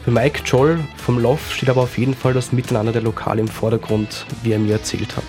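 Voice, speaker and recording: Flat-voiced man radio host. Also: mid-range voice, fast talker, faint music behind. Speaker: radio magazine co-host and reporter. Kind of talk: radio hosting, partly scripted.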